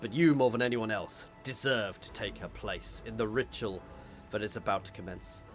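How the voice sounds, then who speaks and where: A man voicing a gruff, loyal old male ship seneschal with an old-fashioned, blustery delivery. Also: lowish voice, moderate pace, faint music behind, close to an everyday voice. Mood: earnest.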